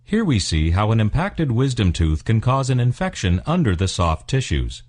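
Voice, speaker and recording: Low-voiced man narrating with lively intonation. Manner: formal, measured, clinical delivery. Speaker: narrator of dental explainer videos. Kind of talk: scripted narration, instructional.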